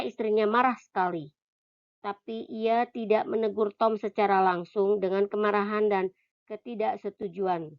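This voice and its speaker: A woman reading a self-help audiobook aloud in a calm, measured way, dropping soft and quiet on short one-line phrases. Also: medium pitch, muffled recording. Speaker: audiobook reader.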